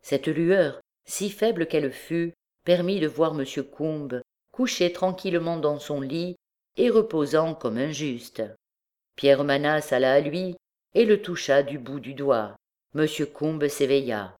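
A woman's voice: sits low, unhurried, darkish tone. Woman reading a classic novel aloud. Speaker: audiobook narrator. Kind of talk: scripted narration of a classic novel.

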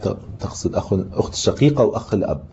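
Man, egyptian arabic accent, classroom lesson, very dark mellow voice, low pitch, muffled lo-fi tape. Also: animated, fast. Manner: explains patiently, asks the class questions, reads from the book. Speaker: sheikh teaching Islamic law. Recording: muffled lo-fi tape with faint hiss.

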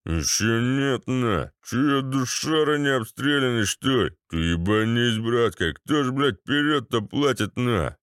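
A man voicing a drunk, boorish ex-paratrooper with a bassy, slurred, swaggering delivery. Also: lively intonation, unhurried, few pauses, a bit bright, clean tone, no echo, studio quality. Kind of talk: audiobook character voice.

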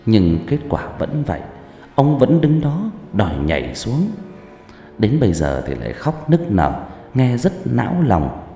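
Deep-voiced man telling a ghost story. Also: big pitch swings, measured pace, gravelly, mellow. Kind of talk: first-person ghost story narration. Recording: echoey room, faint background music.

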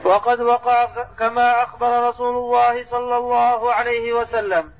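Very high, flat-voiced man reading aloud. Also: normal speed. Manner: steady recitation of the text. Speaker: student reading the text aloud. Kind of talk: reading a religious text aloud in a lesson. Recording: dull lo-fi old tape recording.

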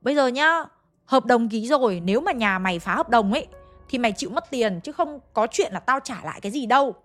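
A woman voicing a sharp-tongued middle-aged landlady who scolds and refuses to back down. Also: lively intonation, brisk, soft background music, close to an everyday voice. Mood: scolding. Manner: scolding, high and cutting.

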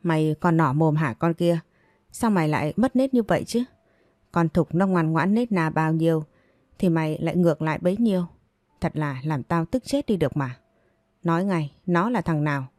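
A woman's voice: low voice, fairly quick, darkish tone, dry recording, studio quality, lightly acted. A woman voicing an angry village father who berates his daughter harshly. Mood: furious. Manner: harsh, furious. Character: furious old village father shouting.

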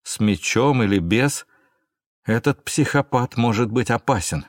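A man narrating a thriller audiobook in a measured, steady way. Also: medium pitch, no room sound, studio quality.

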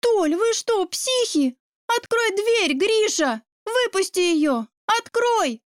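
A woman voicing an excitable young woman with a high, emphatic voice. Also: normal speed, no echo, studio quality. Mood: frantic.

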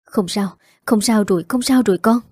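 A woman's voice: medium pitch, moderate pace, dark tone, slightly rough, no room sound, clean studio sound, close to an everyday voice. Woman doing a ruthless cold-voiced mother. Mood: soothing. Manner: cold, firm and commanding.

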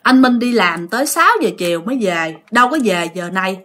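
A woman's voice: mid-range voice, animated, brisk, sharp tone. A woman voicing a dismissive mother, brushing off her teenage child's worries. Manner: dismissive, scolding.

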